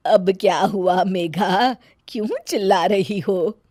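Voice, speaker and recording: Lady doing a calm slow mother-in-law, gentle advice, dry close sound. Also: mid-range voice, dry recording. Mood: gently advising. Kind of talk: storybook character voice.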